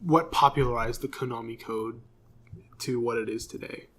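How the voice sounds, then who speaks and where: At a normal speed and in a mid-range voice, a podcast co-host casually reads through corrections from his notes. Fillers crop up throughout his talk.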